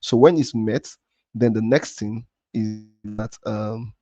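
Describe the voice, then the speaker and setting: A man's voice: fairly low pitch, fairly even intonation, slow, warm tone, faint music behind. A man hosting a crypto trading livestream, talking to his chat and breaking into heated, profane rants at a viewer, with many repeats and restarts. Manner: heated, swearing rant at a viewer; repetitive, restarts often. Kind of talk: live stream talk to chat.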